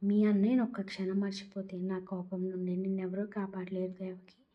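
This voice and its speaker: A woman voicing an angry young man who answers in sharp, clipped retorts. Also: mid-range voice, flat delivery, a little fast, dull audio, natural voice. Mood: curt.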